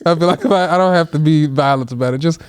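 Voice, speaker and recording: A man co-hosting a comedy podcast, telling stories in a quick, animated way and cracking jokes. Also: a little high, smooth, dry recording. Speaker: podcast co-host. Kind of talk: casual comedy chat.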